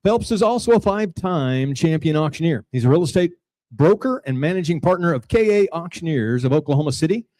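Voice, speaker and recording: Mellow, higher-pitched male announcer. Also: lively intonation, fairly quick, no room sound. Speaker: announcer introducing judges. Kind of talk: scripted formal introduction, read aloud.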